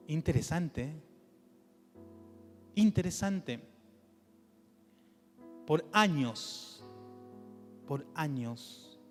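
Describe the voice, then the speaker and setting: High-voiced Chilean pastor preaching in church. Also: male voice, long reverb tail. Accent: Chilean Spanish. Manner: animated preaching with rhetorical questions, drops to a soft low voice for emphasis. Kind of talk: sermon.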